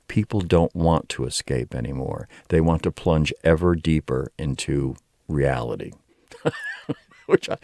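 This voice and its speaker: A man's voice: a bass voice, creaky, darkish tone, dry recording, clean studio sound. A man talking reflectively as an interview guest, a choreographer explaining things with emphatic wording. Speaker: ballet artistic director and choreographer, interview guest.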